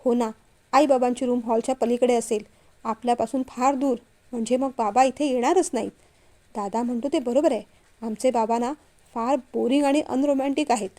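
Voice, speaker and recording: A childish young man from a storybook, sulky and pleading, forever begging to be let off, read by a woman. The voice is high and mellow. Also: fairly even intonation, fairly quick, lightly acted. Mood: earnest. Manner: pleading, whiny.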